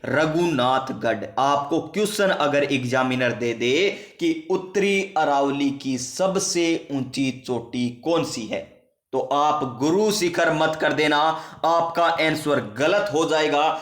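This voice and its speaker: A man's voice: a little high, slow, a bit bright, roomy sound. A male teacher giving an exam-prep geography lesson, asking and answering his own questions and repeating key facts. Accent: Rajasthani.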